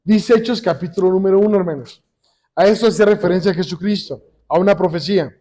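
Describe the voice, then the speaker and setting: A man teaching a Bible lesson to a congregation, often pausing to quiz them with call-and-response questions and slowing down when he quotes scripture. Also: high-pitched, dark tone. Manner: slows down when quoting scripture. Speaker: church teacher. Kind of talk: sermon-style Bible lesson.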